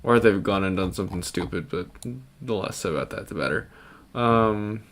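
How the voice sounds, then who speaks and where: A young man chats on a live stream in a loose, rambling way, joking and laughing often. His voice sits fairly low. The talk is relaxed and unscripted. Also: moderate pace. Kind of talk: casual live-stream chat.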